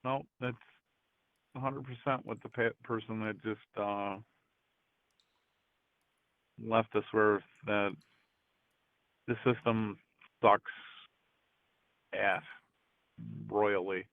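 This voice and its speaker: This caller speaks slowly in a voice on the low side, leaving long pauses, and there's no room sound. He chats casually but hesitantly, restarting often and livening up at surprises, all through a tinny phone line.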